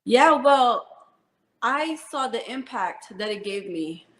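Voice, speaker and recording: A woman's voice: on the high side, lively intonation, slow, fairly bright tone, reverberant. A woman in her thirties, from the Philippines and raised in New Jersey, an Army first sergeant telling her story in an interview with earnest, heartfelt talk and many fillers. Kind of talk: interview conversation.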